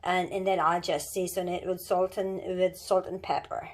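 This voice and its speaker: In her kitchen, a woman from the Philippines gives a casual home cooking demo in a lowish, level voice at a moderate pace. She's chatty and rambling, frequently restarting and filling gaps with fillers.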